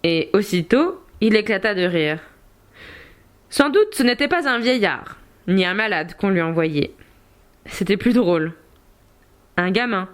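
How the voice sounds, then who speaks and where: A woman narrating an audiobook of a medieval tale, in a measured, expressive storytelling manner. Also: medium pitch.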